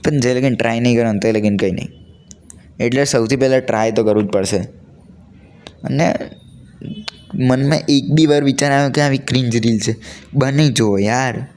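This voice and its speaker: A man's voice: mid-range voice, normal speed, long pauses, a little mellow. A teenage male vlogger with a Gujarati accent gives an unscripted, earnest pep talk in colloquial speech mixed with English words. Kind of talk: unscripted casual motivational talk to camera.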